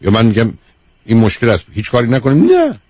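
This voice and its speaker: A man's voice: mid-range voice, steady tone, slightly rough, no echo. A man who is a doctor, hosting a call-in radio advice show, lecturing emphatically and repeating his key points. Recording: dull lo-fi radio broadcast.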